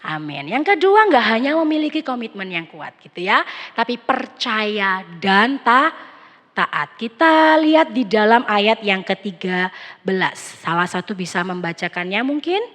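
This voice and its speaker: A young woman pastor, preaching a sermon with a conversational personal testimony and animated quoted dialogue. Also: medium pitch, a little slow. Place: large church hall. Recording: long church-hall reverb.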